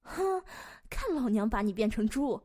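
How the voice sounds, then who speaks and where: A woman's voice: a little high, very animated, unhurried, mellow. A woman voicing a flighty, hot-tempered witch who sulks and snaps. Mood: huffy.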